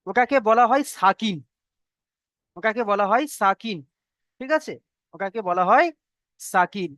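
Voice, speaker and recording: This teacher runs an online class on reading Arabic letters for the Quran, with a smooth, resonant voice in a dry, close sound. Each rule comes slowly and gets repeated again and again. Frequent checks of "okay?" keep the students following along. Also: mid-range voice, a bit bright, no room sound.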